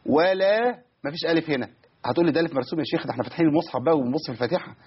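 A man with an Egyptian Arabic accent teaching Quran recitation on a radio call-in, patiently correcting callers and slowly demonstrating pronunciation. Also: on the high side, slightly rough. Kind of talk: live radio call-in lesson. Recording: dull lo-fi radio broadcast.

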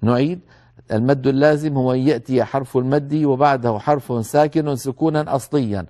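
A man giving a tajweed lesson, calmly explaining the rules and slowly repeating words to demonstrate them. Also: mid-range voice. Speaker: Quran recitation teacher.

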